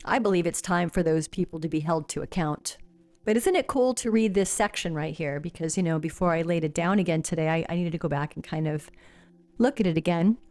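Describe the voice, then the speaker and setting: A woman's voice: fairly low pitch, fairly quick, darkish tone, faint music behind. Angry, blunt woman podcaster. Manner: blunt, angry and profane, with many fillers. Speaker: podcast host. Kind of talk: casual solo commentary.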